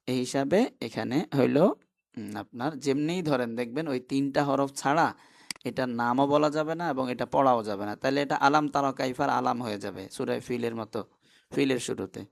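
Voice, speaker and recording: A man's voice: medium pitch, creaky. A man teaching an online class, who explains step by step and keeps asking his students questions.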